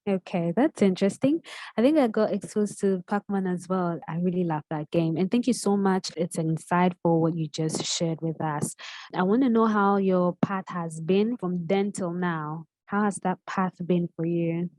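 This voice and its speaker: A woman's voice: lowish voice, moderate pace, darkish tone, no room sound. A woman hosting an interview, reading a formal introduction and then asking questions. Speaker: interviewer and host.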